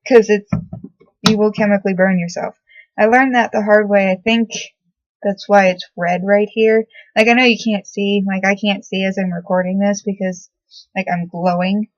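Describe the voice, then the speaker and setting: A woman's voice: mid-range voice, steady tone, normal speed, no echo. A young woman casually chatting through her skincare and makeup routine in her bedroom, rambling and swearing offhandedly. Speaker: beauty vlogger. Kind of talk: casual makeup tutorial chat. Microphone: laptop built-in mic. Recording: dull dry laptop mic audio.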